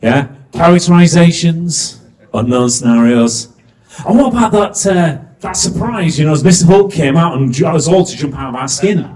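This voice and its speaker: Here a middle-aged man from Yorkshire, judging by his accent, works a live crowd as event compère, joking, chatting and putting questions to the audience from the stage. His somewhat high voice is darkish, with lively intonation at a moderate pace, though the audio is poor.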